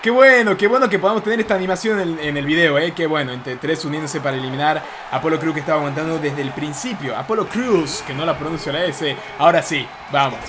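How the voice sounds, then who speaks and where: A young Argentine man excitedly commentating his own wrestling video game play, exclaiming and swearing casually. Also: on the high side, quick pace, hardly any pauses, background noise. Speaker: gaming YouTuber. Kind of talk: gameplay commentary.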